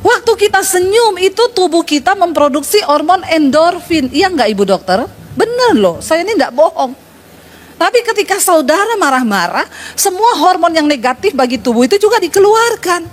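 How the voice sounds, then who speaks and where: A woman pastor with a high voice preaching to her congregation. She tells stories with humor and speaks straight to her listeners. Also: big pitch swings, moderate pace. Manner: humorous storytelling, addresses congregation. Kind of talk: sermon.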